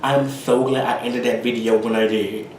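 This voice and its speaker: A man's voice: medium pitch, level tone, moderate pace, far from the mic, slight background noise. Tired young man rambling in echoey room. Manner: rambling, apologetic, many fillers. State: tired, full from eating. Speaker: vlogger. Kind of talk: casual chat to camera.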